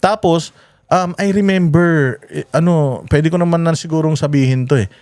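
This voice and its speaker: A man with a Filipino accent telling stories in a casual vlog, animated and full of fillers and restarts. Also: fairly high pitch, moderate pace, clear, resonant tone, dry recording. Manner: animated, many fillers and self-corrections. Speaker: vlogger. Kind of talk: casual storytelling.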